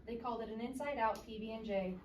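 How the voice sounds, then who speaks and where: With a voice on the high side and a quick pace, a woman reads a children's story expressively, engaging her audience with teacher-style questions. She's recorded from a distance in a room that is echoey and noisy.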